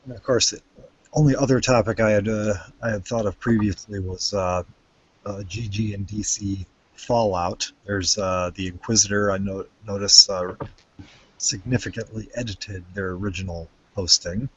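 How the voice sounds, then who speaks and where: Husky, low-voiced man rambling on a stream. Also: fairly even intonation, no room sound, muffled recording. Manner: rambling, halting, many restarts and fillers. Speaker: stream co-host. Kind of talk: casual chat. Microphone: home computer mic.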